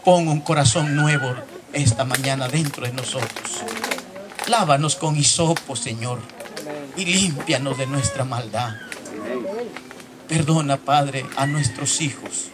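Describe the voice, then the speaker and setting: A man's voice: medium pitch, measured pace, heavy background noise. A man leading a fervent spoken prayer in church, pleading and at times crying out, originally from Latin America. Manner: pleading, crying out, rising to shouts.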